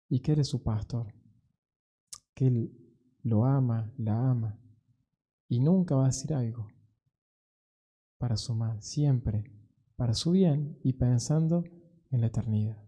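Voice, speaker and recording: A young adult man preaching a sermon as a pastor in an earnest, pastoral way, slowing down to stress key phrases. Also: medium pitch, dark tone. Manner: earnest, pastoral, with slow emphatic pauses. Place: church.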